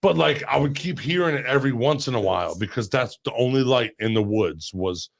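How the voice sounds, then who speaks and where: A man hosting a loose podcast conversation, spinning long stories full of swearing. His voice sits at a middle pitch. He breaks into sudden yelps when he acts out the scary parts. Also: a little fast, gravelly. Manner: animated storyteller, swearing, loud yelps when acting out scares. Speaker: podcast host. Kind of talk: casual podcast chat.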